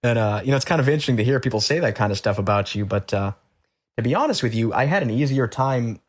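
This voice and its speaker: A man from the Boston area, a guest on an interview show, telling his own story in a relaxed, rambling way with many fillers and restarts. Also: mid-range voice, fast. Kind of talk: casual storytelling.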